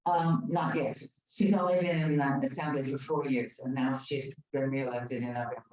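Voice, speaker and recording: Low-voiced woman sharing updates at a community meeting, recorded from across an echoey room. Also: fairly even intonation, moderate pace, darkish tone. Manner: chatty, informative, with many fillers. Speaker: community group member. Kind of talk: informal meeting remarks. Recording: roomy, distant, dull room mic.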